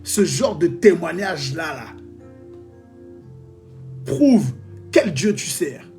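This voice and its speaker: A man preaches on a live stream in a fairly high voice, with soft music playing behind him. He reads out testimonies and breaks into exclamations and jokes with his viewers. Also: big pitch swings, slow.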